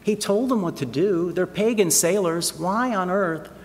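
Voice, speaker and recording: A man's voice: high-pitched, unhurried. A man preaching a sermon in an earnest way, asking rhetorical questions and acting out the voices in the passage. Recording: long hall reverb.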